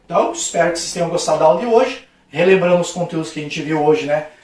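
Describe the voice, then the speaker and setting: Echoey Brazilian teacher explaining poetry at a board. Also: male voice, on the high side, quick pace, distant mic. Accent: Brazilian Portuguese. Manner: friendly, with frequent checking "tá?" tags; acts out a playful street-shouting example for stress. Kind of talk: recorded video lesson at a board. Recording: very echoey room, voice from off-mic.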